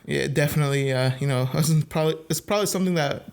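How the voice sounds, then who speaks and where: This podcast guest, a youth minister born in El Salvador who came to the US at eight, talks very fast in a high, creaky, slightly mellow voice. The casual conversation is captured with clean tone.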